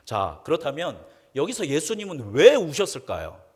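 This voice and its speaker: A pastor preaching in a church sanctuary, his fairly high male voice trailing off into a long reverb. He keeps asking the congregation questions and answering them himself, and he slows down to read scripture solemnly. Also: wildly swooping pitch, a little mellow, breathy edge. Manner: reads scripture slowly and solemnly. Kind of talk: sermon.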